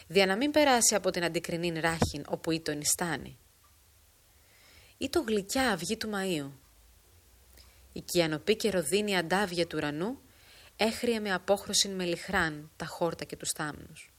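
A woman reading a literary story aloud, in a measured, formal storytelling manner. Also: fairly low pitch. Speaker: narrator. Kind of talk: scripted narration of a literary story.

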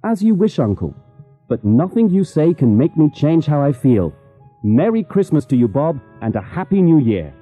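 A man's voice: fairly high pitch, very animated, moderate pace, husky, dull audio, soft background music. A man voicing a cheerful, patient young nephew with a friendly, pleading manner.

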